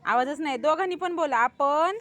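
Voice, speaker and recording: A woman's voice: high-pitched, moderate pace, fairly bright tone. A woman teacher coaxing young pupils with patient questions in a school classroom.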